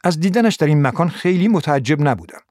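A man reading a first-person noir novel as scripted audiobook narration in a steady, measured way. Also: on the high side, no echo, clean studio sound.

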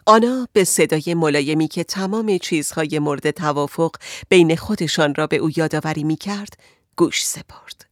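A woman narrating a story in an even, steady audiobook reading. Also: deep voice, no room sound, studio quality.

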